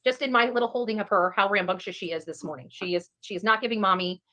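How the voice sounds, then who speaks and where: Here a woman with a mid-range, sharp-toned voice talks fast while doing livestream true crime commentary. It's a blend of case discussion and loose chat, delivered emphatically, with phrases she tends to repeat.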